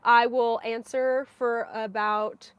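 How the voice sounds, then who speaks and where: Giggly woman podcaster rambling about her yarn, kinda high voice, dry close sound. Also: flat delivery, slow, smooth, dry recording, dull audio. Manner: chatty and giggly, with frequent fillers. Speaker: knitting podcast host. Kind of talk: casual live-stream chat.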